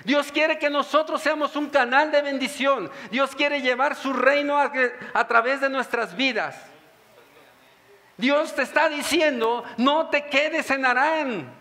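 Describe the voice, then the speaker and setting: High bright preacher in a reverberant hall. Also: male voice, a little slow. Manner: asks the congregation rhetorical questions. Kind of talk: sermon. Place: church hall. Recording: music under long church reverb.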